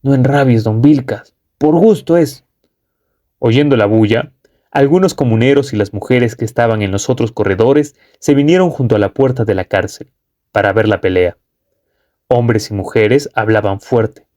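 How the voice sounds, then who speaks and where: A man reading a short story aloud as an audiobook narrator, steady and measured. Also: lowish voice.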